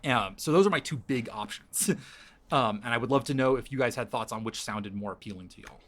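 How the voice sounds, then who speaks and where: A man talks through his ideas in casual podcast chat, circling back and restarting his sentences as he works them out. His voice sits at an ordinary middle pitch. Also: a little fast, fairly bright tone. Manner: rambling, thinking aloud with frequent restarts. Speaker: podcast host pitching a story.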